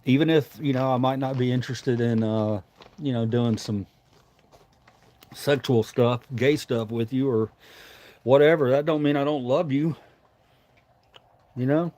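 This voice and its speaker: A man's voice: mid-range voice, steady tone, a little slow, long pauses, mellow. Rambling man with a lip full of dip. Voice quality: talks around a dip of tobacco in his lip. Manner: rambling, informal, sweary. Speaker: livestream host. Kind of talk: casual livestream chat.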